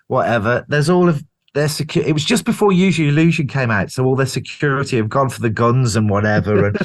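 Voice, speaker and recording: A middle-aged British man, a band singer as guest, telling road stories in a casual interview, swearing freely and acting out what people said. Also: medium pitch. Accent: British English. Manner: animated storyteller, swears freely, acts out quotes.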